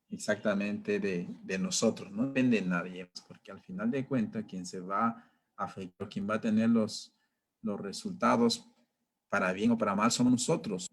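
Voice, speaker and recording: A man giving a training talk in a conversational way, asking rhetorical questions and now and then acting out shouting drivers. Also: on the low side.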